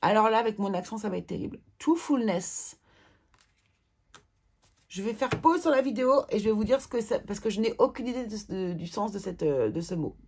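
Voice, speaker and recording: A woman giving a tarot reading, calmly reading out card messages and pausing with hesitant fillers. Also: mid-range voice, slightly rough. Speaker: tarot reader.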